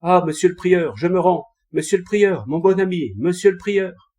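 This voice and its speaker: A man's voice: high voice, normal speed, a little mellow, highs cut off, voice pushed up. A man reading a storybook voices a panicked male soldier who cries out and begs for mercy. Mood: desperate pleading. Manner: pleading, cries out repeatedly. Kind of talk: audiobook reading of a classic tale.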